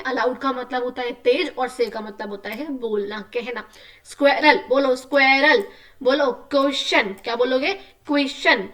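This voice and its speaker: Female teacher for young kids, high voice, mic a bit far off, repeats and quizzes. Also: a bit bright. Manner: repeats words slowly for children, asks rhetorical questions. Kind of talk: explaining a school lesson to children.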